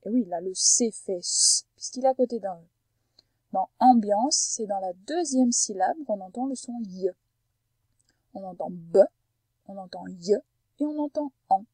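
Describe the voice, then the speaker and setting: A woman teacher giving a phonics lesson to a young pupil, patiently spelling out sounds and stretching words slowly and carefully. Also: mid-range voice, animated, a little mellow, no room sound, rough recording. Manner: slow, careful over-articulation of sounds for a child.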